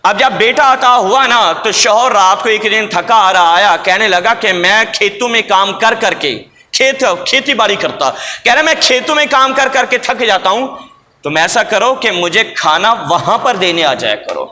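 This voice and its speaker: Man, preacher, emphatic sermon storytelling, very high voice, echoey hall. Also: lively intonation, sharp tone. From Pakistan. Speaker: religious preacher. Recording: long hall reverb.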